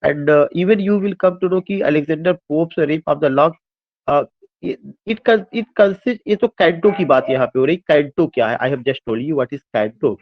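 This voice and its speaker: A man's voice: on the high side, takes it slowly, dry recording. Man teaching poetry in Hinglish. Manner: explains by asking and answering his own questions; frequent hesitations and restarts. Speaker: literature teacher. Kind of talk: lecture mixing English and Hindi. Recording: dull, dry lo-fi sound.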